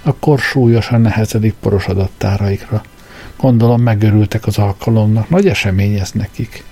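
A man voicing a melancholy, politely spoken old man who talks calmly. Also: fairly low pitch. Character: sad, courteous, unhurried old man.

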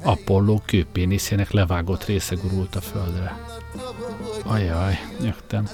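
A man's voice: deep voice, little pitch movement, over music. A man narrating an audiobook in a wry, comic first-person storytelling style.

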